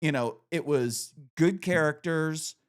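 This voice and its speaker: A man's voice: fairly high pitch, slow, smooth. A man in his thirties hosting a casual podcast conversation, chatty and opinionated, leaning on "like" and "you know". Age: 30s. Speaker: podcast host.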